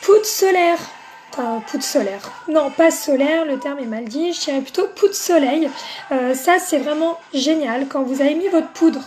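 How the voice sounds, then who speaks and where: A woman's voice: high voice, darkish tone. A woman hosting a makeup live stream, chatting casually with viewers and greeting them by name, with plenty of fillers.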